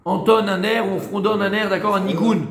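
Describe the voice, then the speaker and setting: A tired man teaching Torah to a small group, his voice high. He repeats phrases, slips in Hebrew words and keeps asking his listeners whether they follow. The recording rings with the echo of the room. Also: steady tone, a little fast, a crowd in the background. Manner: repeats phrases, mixes Hebrew terms, asks listeners questions. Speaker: rabbi teaching a Torah class. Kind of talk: informal Torah lesson with questions from students.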